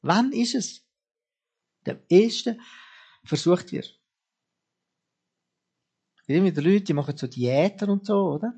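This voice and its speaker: A preacher delivers a sermon in a breathy, raspy voice that sits a little high for a man. He speaks straight to his listeners and keeps asking them pointed questions. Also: animated, takes it slowly, long pauses, a little mellow. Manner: direct, asks the listener repeated questions.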